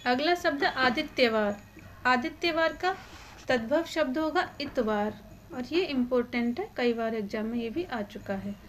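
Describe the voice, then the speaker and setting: High-voiced woman teaching a grammar class. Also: unhurried, slight background noise. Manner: asks a question, then answers it herself; stresses the exam-important words. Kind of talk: Hindi grammar lesson.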